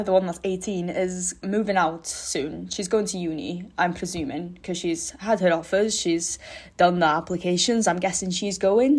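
Young woman, lowish voice, solo podcast host, rambly, candid, sweary, self-deprecating. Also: a little mellow. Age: young adult. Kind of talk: casual solo podcast chat.

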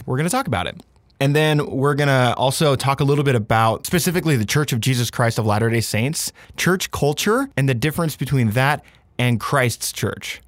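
A man hosting a podcast in a casual, candid personal monologue, chatty and informal with animated emphasis. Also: mid-range voice, no echo. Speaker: podcast host.

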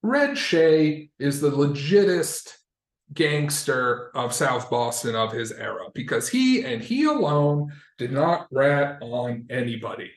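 A podcast co-host from Massachusetts explains things in a casual, discursive way, correcting himself, tossing in wry asides, and swearing. His voice is fairly high-pitched, very animated, and slow, and the room is echoey.

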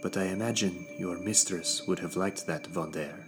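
A man voicing a calm, commanding queen who talks with a casual, airy ease, as if in complete control. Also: low-pitched, normal speed, music in the background, close to an everyday voice.

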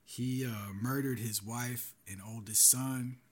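A man's voice: medium pitch, fairly even intonation, slow. A man hosting his own podcast, giving earnest solo commentary with a warning tone. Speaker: podcast host.

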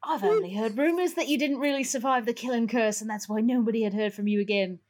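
A pleading old wizard with a put-on Australian twang, as a woman reads him out. The voice sits high and strained with a breathless, tearful edge. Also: fast, darkish tone, close to an everyday voice. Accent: mock Australian.

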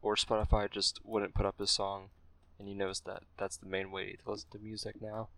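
A man's voice: fairly low pitch, completely flat delivery, a little fast, fairly bright tone. A man co-hosting a podcast in casual chat, tossing short quips, with keyboard typing behind. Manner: short quips and frequent laughs. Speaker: podcast co-host.

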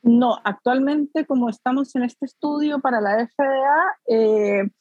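A woman's voice: high voice, measured pace, a little mellow, no room sound. Earnest mother speaking on a dull, dry line. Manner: earnest, heartfelt, frequent "eh" fillers. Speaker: interview guest, mother. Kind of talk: conversational interview.

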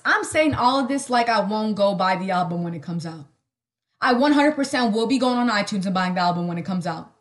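Chatty sarcastic young woman podcaster. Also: medium pitch. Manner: chatty and sarcastic, lots of "like" and quick asides. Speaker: podcast host. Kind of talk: casual solo podcast chat.

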